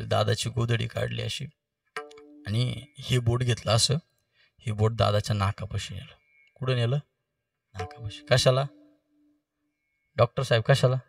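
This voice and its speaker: A man preaching a kirtan, telling a story and quizzing the audience with quick questions. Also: medium pitch, creaky, no room sound. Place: kirtan gathering. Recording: distant mic with faint music.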